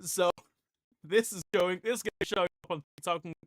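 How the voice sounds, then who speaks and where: A man's voice: high voice, brisk, dry recording, studio quality. A young man chatting and joking while he streams a video game with a friend. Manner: joking, teasing banter. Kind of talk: casual chat while gaming.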